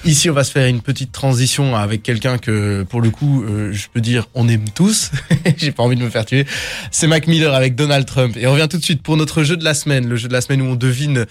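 A man's voice: mid-range voice, fairly quick. A young man, hosting a rap news podcast with playful, teasing banter and frequent laughter. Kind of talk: lively hosted podcast banter.

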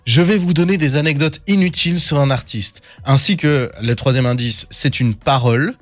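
A man's voice: on the high side, normal speed. A man hosting a quiz game on a podcast, playful and teasing, laughing often. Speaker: podcast host. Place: small studio.

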